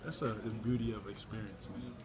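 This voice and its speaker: A young male basketball player answering postgame questions in a crowded locker room, relaxed and often adding "man" and "you know". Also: lowish voice, brisk, very noisy. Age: young adult. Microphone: reporters' recorders and camera mics held close. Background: loud crowd chatter.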